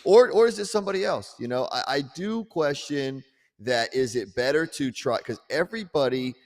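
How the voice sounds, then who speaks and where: A man co-hosting a casual political chat show, talking in an animated, rambling way and often repeating words. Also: mid-range voice, moderate pace, in a large hall. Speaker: podcast co-host.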